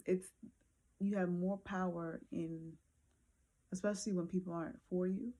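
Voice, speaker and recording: A woman talking casually to her viewers late at night before bed, thinking aloud with many pauses and fillers. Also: on the low side, steady tone, mellow. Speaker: vlogger.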